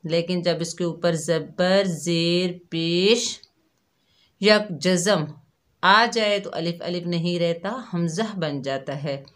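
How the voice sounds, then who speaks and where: A woman teaching Quran recitation, patiently spelling out each syllable and repeating it. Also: on the low side. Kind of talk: slow step-by-step recitation lesson.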